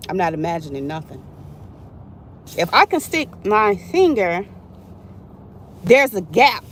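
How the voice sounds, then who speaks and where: A woman's voice: mid-range voice, big pitch swings, measured pace. Frustrated woman venting in a noisy car. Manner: frustrated, blunt, swears freely. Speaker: vlogger. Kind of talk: casual venting vlog.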